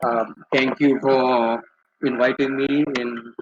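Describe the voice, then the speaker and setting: A man's voice: mid-range voice, flat delivery, slow pace, background noise. A man from Singapore and Malaysia, a guest on a webinar, introducing himself hesitantly over a headset on a video call. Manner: hesitant, many uh fillers. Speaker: guest, impact investor. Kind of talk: conversational self-introduction. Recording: muffled video call audio.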